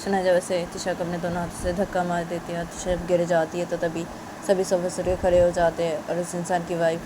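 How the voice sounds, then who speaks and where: A woman's voice: lowish voice, monotone, fast, noisy background. A woman telling a story in casual, plain narration, stringing events together with 'then'.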